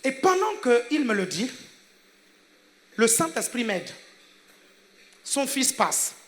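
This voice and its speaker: High, bright Gabonese pastor preaching. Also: male voice, very animated, takes it slowly. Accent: Gabonese French. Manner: emphatic, keeps checking that the congregation follows; laughs between phrases, swings from loud to hushed. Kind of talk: sermon.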